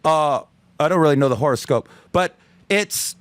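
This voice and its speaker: Animated, profane storytelling man. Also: on the high side, moderate pace, clean tone, dry recording. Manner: animated storyteller, acts out quotes, swears freely. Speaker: guest comedian. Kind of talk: casual podcast chat.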